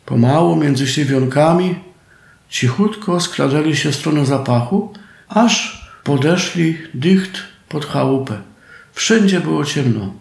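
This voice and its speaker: Slow gravelly Silesian storyteller man. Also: a little high, lively intonation, roomy sound. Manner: homely storytelling in dialect. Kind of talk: folk tale narration.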